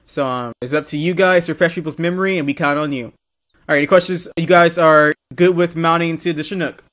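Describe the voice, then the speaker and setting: Higher-voiced male military game instructor. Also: steady tone, fast, a bit bright. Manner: directive, corrects and quizzes trainees. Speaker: military-sim drill instructor. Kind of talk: instructional briefing in game roleplay.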